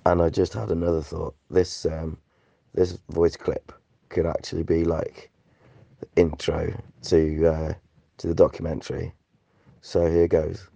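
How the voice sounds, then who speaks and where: A man's voice: low-pitched, completely flat delivery, unhurried, gravelly, warm tone, no echo. A British man with a rattly, chesty, flu-ridden voice, rambling casually through a sweary, slangy, laid-back voice note. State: sick with flu and a phlegmy cough. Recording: dull lo-fi voice recording.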